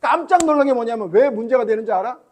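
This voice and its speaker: High-voiced pastor preaching to children. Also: male voice, quick pace, darkish tone. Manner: chatty, keeps quizzing the kids with questions. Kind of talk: children's Sunday school sermon.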